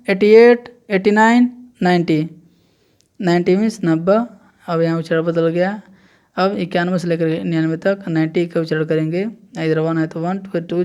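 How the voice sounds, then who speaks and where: A man teaching a classroom lesson in a flat, level tone with little rise and fall. His voice is smooth and clear as he patiently counts numbers aloud one by one. He repeats each step methodically for beginners. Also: high-pitched.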